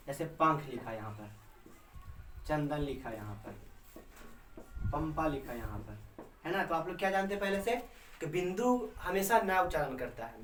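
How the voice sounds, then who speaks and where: A man teaching grammar to camera, feeling a little unwell, who keeps checking in with "है ना" and slows down to dictate rules. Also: fairly high pitch, reverberant, far from the mic, slight background noise. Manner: repeats "है ना" and "है कि नहीं" as checks, speaks slowly while dictating. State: slightly unwell, voice a little changed. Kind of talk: classroom-style lesson to camera.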